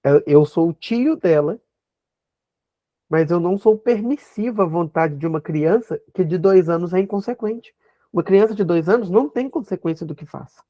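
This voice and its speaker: A man's voice: sits high, moderate pace, dark tone. A man talking casually about setting limits, firm and explaining with examples. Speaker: uncle sharing parenting views. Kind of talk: casual talk. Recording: dull, lo-fi sound.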